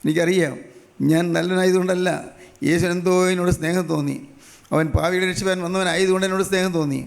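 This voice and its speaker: A man's voice: high voice, fairly even intonation, fast, creaky. An older man preaching a fervent evangelistic sermon, piling up short repeated phrases and leading an altar-call prayer line by line. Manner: leads congregation in line-by-line prayer.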